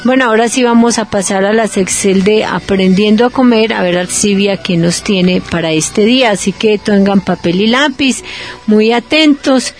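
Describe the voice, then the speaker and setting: A woman's voice: mid-range voice, soft background music. A woman hosting a radio segment, teaching words in a didactic, formal way. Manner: didactic, repeats words slowly, formal address. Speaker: radio host. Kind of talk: instructive radio talk on correct pronunciation.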